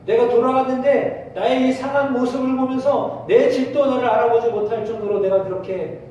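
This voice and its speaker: A man preaching a midweek sermon, speaking out a lament with swelling emotion and then explaining it to the congregation. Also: fairly quick. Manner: expressive preaching, voicing the speaker's laments with rising pitch. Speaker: pastor. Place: church sanctuary. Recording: echoey hall, distant mic, dull sound, faint noise.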